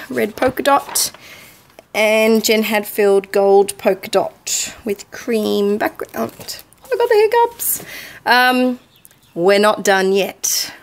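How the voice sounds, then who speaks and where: A woman's voice: mid-range voice, a little hiss or hum. An Australian woman chatting casually in a craft haul video, enthusiastic and full of ums as she shows her purchases. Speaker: craft vlogger.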